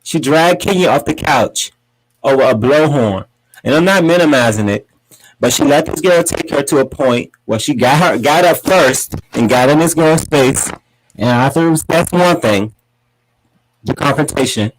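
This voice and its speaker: A man hosting a podcast, giving sassy, dramatic gossip commentary and often jumping into high, mocking voices. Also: lively intonation, moderate pace, a little hiss or hum, poor audio. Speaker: podcast host.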